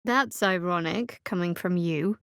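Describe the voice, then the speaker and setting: A young woman voices a cleric of a dark goddess in a fantasy video game, wry, secretive, and measured in a guarded way. Her pitch sits on the low side and her tone is smooth, dry, and curt. The recording is close and dry, with no room sound or echo.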